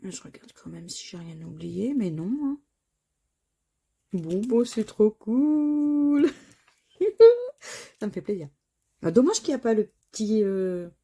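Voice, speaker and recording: A woman's voice: fairly low pitch, vocal fry, dark tone, husky. A woman chatting casually to viewers as she scratches tickets, spelling out letters one by one. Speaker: scratch-card vlogger.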